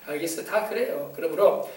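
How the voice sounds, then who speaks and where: A man pastor preaching a sermon, emphatic and exhorting, moving between loud commands and quieter asides. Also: sits high. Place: church sanctuary. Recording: echoey church hall from far off.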